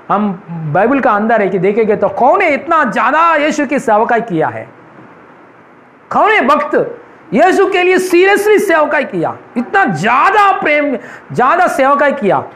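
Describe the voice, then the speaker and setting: ऊँची आवाज़ में प्रवचन देता पादरी. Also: male voice, sits high, fairly bright tone. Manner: repeats hallelujah, emphatic preaching. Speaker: pastor. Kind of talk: sermon.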